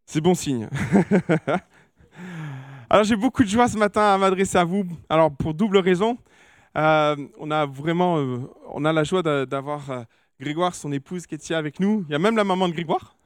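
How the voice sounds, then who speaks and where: A man leads a church service, making announcements to the congregation in a slightly raised voice. He is warm but halting, full of fillers and restarts. The sound is dry and close. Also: on the high side, smooth, no room sound. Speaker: pastor. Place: church hall.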